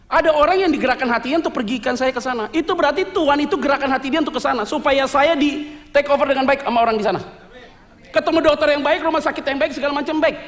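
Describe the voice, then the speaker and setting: A high-pitched male pastor gives an animated sermon testimony in a church sanctuary, with church reverb on the recording. He tells his story lively and full of jokes, mixing Indonesian slang with English words.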